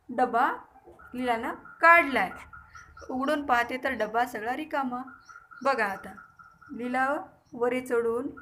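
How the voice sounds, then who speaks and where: Bright high-voiced woman teacher, Marathi accent. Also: slight background noise. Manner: repeats lines and quizzes children, acting out characters' voices. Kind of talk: reading a story aloud to young pupils and explaining it.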